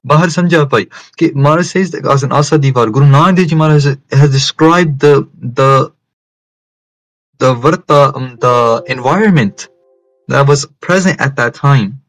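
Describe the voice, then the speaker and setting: Man, medium pitch, religious teacher, lecture style, emphatic repetition, mixes into English. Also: normal speed, rough recording. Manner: repeats and rephrases phrases for emphasis; switches between English and Punjabi. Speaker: religious teacher giving a talk.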